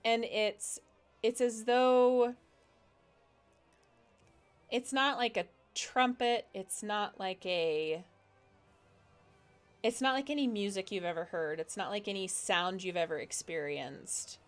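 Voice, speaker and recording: A woman's voice: mid-range voice, takes it slowly, pauses often, faint music behind. A woman narrating as game master in a tabletop game, describing scenes while searching for words.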